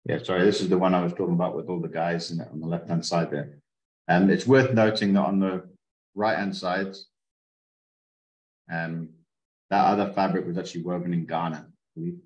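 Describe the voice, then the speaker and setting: A man giving an online presentation on weaving, speaking a little haltingly. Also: low voice, fairly even intonation, a little mellow. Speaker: master weaver presenter. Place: indoors, video call. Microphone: video call. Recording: roomy video call audio.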